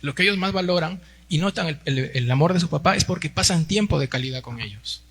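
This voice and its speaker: Expressive and fast, his fairly high voice is gravelly, a bit bright and husky. He's a Peruvian pastor in his forties preaching a Sunday sermon in Peruvian Spanish, sprinkling in tag questions and addressing everyone as brothers.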